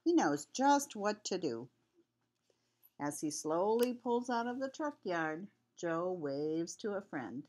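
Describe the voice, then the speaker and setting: A woman's voice: lowish voice, sing-song, slow, a little mellow. An older woman, a sweet grandmother with a cold, reading a children's picture book aloud in a homely, chatty way. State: has a cold with cough.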